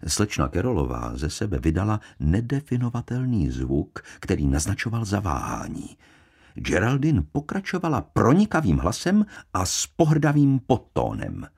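Expressive male audiobook narrator, low voice. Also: creaky, slightly rough. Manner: expressive, theatrical reading.

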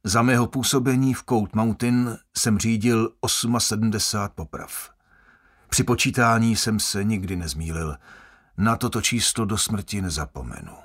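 A man reading a first-person audiobook in a measured, grave storytelling manner. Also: on the low side, fairly bright tone, husky. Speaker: audiobook narrator.

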